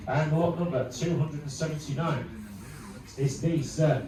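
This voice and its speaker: A man's voice: on the high side, unhurried, background noise. A British man working as an auctioneer, calling bids in a repetitive, clipped chant of numbers with bantering asides. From United Kingdom. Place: busy auction room. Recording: distant echoey room with loud crowd. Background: loud crowd chatter.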